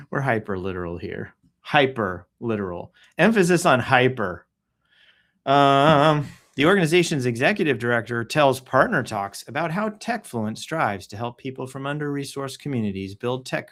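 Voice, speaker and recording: A man hosting a casual news read-through, joking around, clearing his throat often and making sound-effect noises between stories. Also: mid-range voice, fairly bright tone. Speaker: host reading the news.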